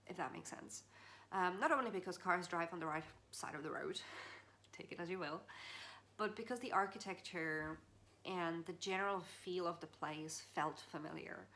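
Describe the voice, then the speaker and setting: A Czech woman vlogger offers casual, heart-to-heart personal advice, sounding earnest and chatty with little laughs and false starts. Her voice is fairly low and slightly bright, with a touch of background noise.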